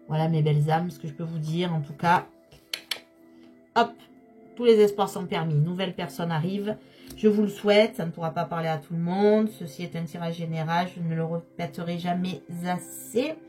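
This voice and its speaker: Slightly hoarse woman reading tarot. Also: lowish voice, mellow. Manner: repetitive, emphatic, addresses viewers directly. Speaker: tarot card reader. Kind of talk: tarot reading addressed to viewers.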